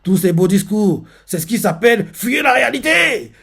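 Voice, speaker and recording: A cold young villain sneers and taunts in a sing-song voice, read aloud by a man. He sits a little higher than an everyday voice and mocks with every line. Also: lively intonation, a little slow, dark tone. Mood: taunting.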